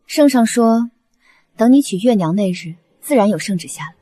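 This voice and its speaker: A proud young princess speaks with cool authority in a period drama. Her voice sits fairly high with a husky grain. The delivery is regal and controlled. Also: animated, moderate pace, mellow. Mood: composed. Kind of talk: Chinese period short-drama acting.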